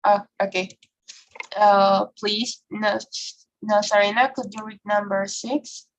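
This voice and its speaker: A woman's voice: medium pitch, little pitch movement, slow pace, low-quality recording. A woman teaching an English grammar class online, often checking in with "okay?" and "right?". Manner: frequent checking questions, filler okay and right.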